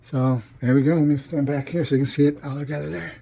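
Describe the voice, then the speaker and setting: A man's voice: a little high, steady tone, fast talker, creaky, dark tone, husky. A man giving a casual vlog tour of his home game room, chatty and rambling with lots of fillers, his voice a bit off after tonsil surgery. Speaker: arcade collector vlogger.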